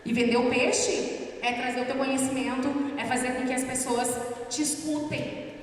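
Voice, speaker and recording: Animated high-voiced woman in an echoey hall. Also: normal speed. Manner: animated, informal, addresses audience as "meus amores". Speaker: Spanish teacher giving a workshop talk. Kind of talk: lively live workshop talk. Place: large hall, recorded from a distance. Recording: echoey hall, distant mic.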